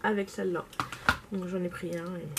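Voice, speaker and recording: A woman's voice: on the low side, flat delivery, moderate pace, heavy background noise. Enthusiastic young woman chatting about makeup. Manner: enthusiastic, repeats words for emphasis. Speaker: beauty vlogger. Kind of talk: casual haul video chat.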